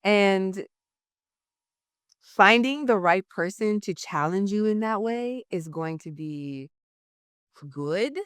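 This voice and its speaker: A woman therapist speaking as a podcast guest, measured and thoughtful as she explains. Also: mid-range voice, expressive, clean tone, no echo, clean studio sound. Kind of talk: casual chat.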